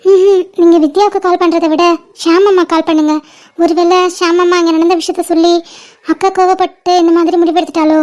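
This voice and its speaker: A voice actor playing a caring, anxious younger sister in an animated comedy-drama. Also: very high-pitched, fast. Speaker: cartoon character.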